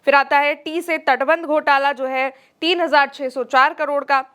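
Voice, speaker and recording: A woman's voice: high voice, fairly even intonation, moderate pace, a bit bright. A woman presenting scripted political news narration in an emphatic, dramatic way.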